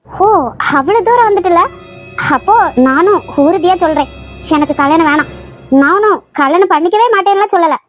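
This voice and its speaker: A woman's voice: very high-pitched, moderate pace, faint music behind, voice pushed down. A woman voicing a stubborn young daughter, speaking firmly with a Kanyakumari Tamil accent. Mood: defiant.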